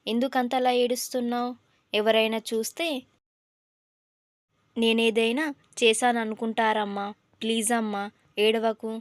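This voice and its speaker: A woman's voice: fairly high pitch, flat delivery, a little slow, long pauses, dry recording, studio quality, lightly acted. A woman voicing a patient, flustered middle-aged male exam invigilator who coaxes a crying student. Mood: coaxing. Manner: coaxing, fatherly.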